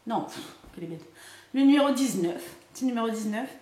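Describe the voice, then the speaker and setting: A woman's voice: a little high, expressive, quick pace, dark tone. A young woman chatting casually to camera about her beauty purchases, rambling and laughing at herself with lots of fillers. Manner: chatty, rambling, self-mocking with frequent fillers. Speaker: beauty vlogger. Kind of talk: casual haul chat to camera. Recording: echoey room.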